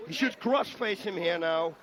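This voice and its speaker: A man's voice: sits high, moderate pace. A man giving live color commentary on a fight, urging tactics in a repetitive, coaching-like way. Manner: urgent, repetitive coaching-style analysis. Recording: live over a loud arena crowd. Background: roaring fight crowd.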